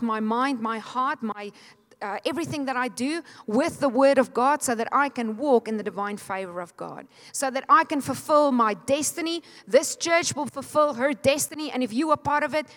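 A middle-aged woman preaches with fervent conviction, her fairly high voice pressing the congregation to answer back. Her words ring out with the long reverb of a church sanctuary. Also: a bit bright. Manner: fervent, exhorting, leads the congregation in call and response. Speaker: pastor. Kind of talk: sermon.

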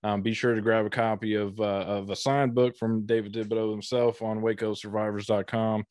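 Low, flat-voiced podcast host. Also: male voice, clear, resonant tone, no echo, studio quality. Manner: halting, many fillers and restarts. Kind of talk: casual interview over a video call. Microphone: video call.

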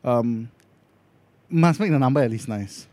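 A man's voice: mid-range voice, lively intonation, measured pace, darkish tone, no echo. A man with a Singaporean accent chats casually as a podcast co-host in colloquial Singlish, using local slang and sentence particles. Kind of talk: casual chat.

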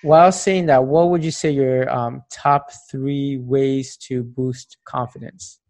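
A man's voice: medium pitch, fairly even intonation, slow, a little mellow. A man interviewing a guest, encouraging her with frequent "mm-hmm" prompts and sums up her points. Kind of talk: interview questions.

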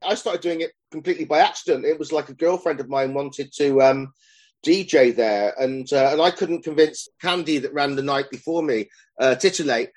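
A man's voice: on the high side, moderate pace. A man in his fifties chatting as a guest, rambling and self-deprecating as he recalls running club nights. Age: 50s. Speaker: guest, club promoter and songwriter. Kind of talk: casual chat.

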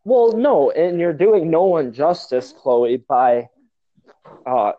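Higher-voiced American man, muffled lo-fi call. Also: slow. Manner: blunt, enthusiastic, emphatic. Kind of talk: casual chat. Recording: dull lo-fi app call audio.

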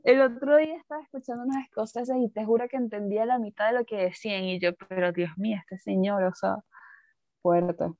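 A woman's voice: fairly high pitch, a little fast, darkish tone, dry recording. A woman in casual podcast chat, exclamatory and often trailing off while she hunts for words. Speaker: podcast co-host. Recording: dull, dry lo-fi sound.

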